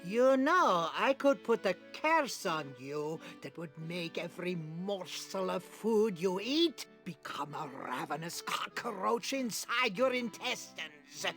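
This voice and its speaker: Slow, theatrical mystical fortune teller woman. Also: on the low side, animated, a bit bright, soft background music, exaggerated voice. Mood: menacing. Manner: mystical, grandiose, dramatic formal phrasing. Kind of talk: fortune teller voice acting in a comic adventure game.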